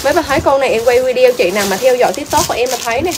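A woman's voice: high-pitched, lively intonation, rapid-fire, noisy background. A woman selling clothes on a livestream, chatty and exclaiming, repeating prices over and over. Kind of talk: fast live-selling patter.

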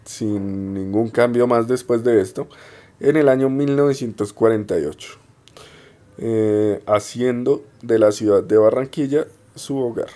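A young man presenting his degree project in an unhurried, explanatory way, with frequent hesitations. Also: medium pitch, mellow. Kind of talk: informal spoken presentation.

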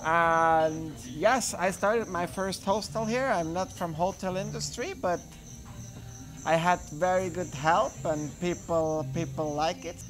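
Halting hostel owner, man. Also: high voice. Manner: halting, with pauses and fillers. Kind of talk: interview answers. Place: outdoors by a pool at night.

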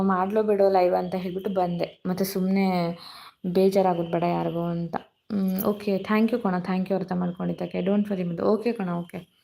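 Hoarse woman chatting on a phone live. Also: mid-range voice, darkish tone. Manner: chatty, greets viewers by name. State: hoarse, voice cracking from illness. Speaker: live stream host. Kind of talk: casual live chat reading comments. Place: dark room at home during power cut.

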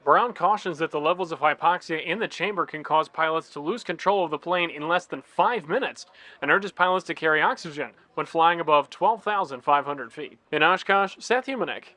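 A man's voice: fairly high pitch, brisk, bright, forceful tone, dry recording. A young American man reading scripted news narration as a television reporter.

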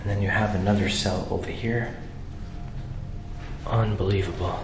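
A man's voice: low-pitched, steady tone, brisk, background noise. A man in his thirties talking casually and nervously to a handheld camera as he explores, exclaiming and reacting aloud to what he finds. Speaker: vlogger exploring a haunted jail. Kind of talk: casual first-person exploration vlog. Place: empty old jail cells and corridors, indoors. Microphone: handheld camera at arm's length. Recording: echoey bare rooms with music underneath. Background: music.

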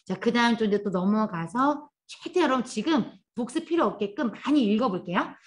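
A woman teaching English grammar in a live classroom lecture, explaining quickly and then slowly drilling example sentences. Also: fairly high pitch, lively intonation. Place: lecture classroom at a language academy.

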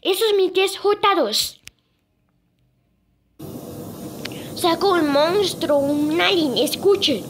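Very high-pitched girl presenting sounds. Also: slight background noise. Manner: halting, repeats "escuchen" and "o sea". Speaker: video creator presenting moon sounds. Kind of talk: casual narration over sound clips.

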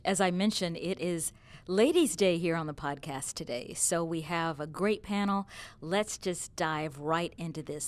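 A middle-aged woman leads a podcast panel with lively, upbeat energy. Her voice sits a little low for a woman. She introduces guests and asks questions in a relaxed conversational way. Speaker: podcast host. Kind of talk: casual panel talk.

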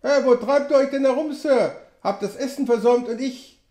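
A man's voice: very high-pitched, moderate pace, warm tone, voice pushed up. A man voicing a chatty, folksy old frontier trapper who talks in clipped, colloquial phrases and exclaims often. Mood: surprised. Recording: roomy echo.

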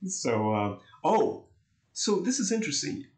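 This astrology co-host is a man with a fairly high voice and big swings in pitch, speaking unhurriedly. He walks through charts in relaxed conversation, laughing often, in a warm room that echoes.

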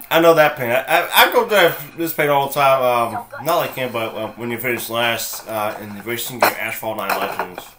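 A man's voice: medium pitch, moderate pace, few pauses. A man hosting a reaction video, giving casual commentary on gaming clips. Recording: clear background clatter and noise.

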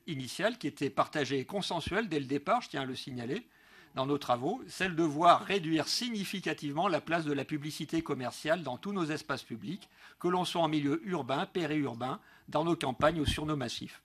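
A middle-aged man, a local elected councillor, speaks fairly quickly in a slightly high, fairly bright voice with a breathy edge. He delivers a prepared political speech formally and emphatically, stumbling occasionally as he reads. A gooseneck desk microphone picks him up in a large indoor council room.

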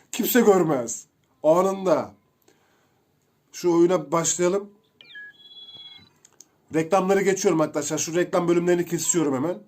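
A young man giving casual, excitable commentary while playing a video game, chatting to his viewers as he goes. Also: on the high side. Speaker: gameplay streamer.

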